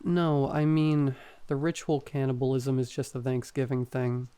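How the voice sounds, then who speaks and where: A man's voice: medium pitch, flat delivery, moderate pace, dark tone, clear, resonant tone, close to an everyday voice. A man voicing a meek, pleading young boyfriend who is loyal to his monstrous family, in horror story dialogue. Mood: placating.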